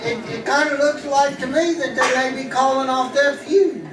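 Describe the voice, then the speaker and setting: Chester, stammering folksy western sidekick. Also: male voice, very high-pitched, moderate pace, crowd noise. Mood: amazed. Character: excitable, simple, deferential deputy sidekick. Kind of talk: 1950s radio western acting. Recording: noisy, echoey old radio recording, distant.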